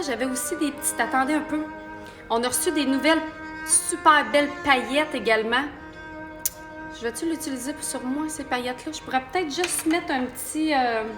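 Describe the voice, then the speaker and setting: A woman with a Québécois accent giving a chatty live makeup tutorial and talking viewers through each step. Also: sits high. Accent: Québécois French. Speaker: makeup artist.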